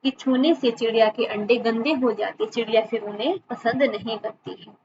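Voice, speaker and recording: A woman's voice: on the high side, moderate pace, dull audio, background noise, natural voice. A woman teacher reading the lines of a stern mother scolding her children.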